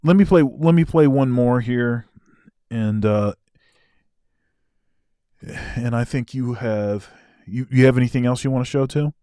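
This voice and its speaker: Man, co-host, casual commentary, mid-pitched voice, rambling, repeats himself, dry close sound. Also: measured pace, long pauses, dark tone, clean tone, no echo. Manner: rambling, repeats words while explaining.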